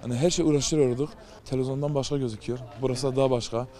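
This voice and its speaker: A man volunteer answers an interviewer's questions outdoors in a town street. He speaks earnestly in a halting way, pausing and restarting his sentences. His voice is dark and mellow at an ordinary pitch. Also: steady tone.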